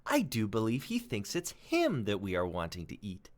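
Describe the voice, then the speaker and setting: A man's voice: on the low side, huge pitch swings, normal speed, voice pushed down. A man voicing a kind, motherly, exclamatory giant female ladybug in a storybook. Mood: pitying.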